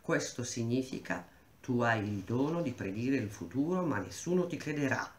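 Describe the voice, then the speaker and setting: Solemn woman servant read by a man, hushed and grave, roomy echo. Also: mid-range voice, lively intonation, normal speed, close to an everyday voice.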